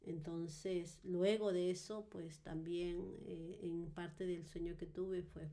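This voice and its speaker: A woman's voice: fairly low pitch, flat delivery, slow pace, dark tone. A woman giving a personal testimony in conversation, hesitant and full of fillers and tag questions.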